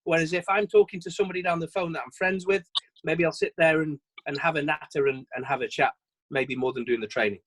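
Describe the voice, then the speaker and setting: A man's voice: a little high, steady tone, fast talker, a bit bright, a little hiss or hum, rough recording. A man leading a sales training on a video call, chatty and self-deprecating, often restarting his phrases. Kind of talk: virtual training session.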